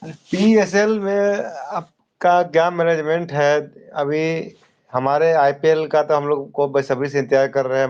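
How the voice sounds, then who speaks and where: A man's voice: medium pitch, darkish tone, clear, resonant tone. Taunting man from India, dull line. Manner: teasing, interrupts. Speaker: caller in a cricket audio chat. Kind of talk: casual taunting.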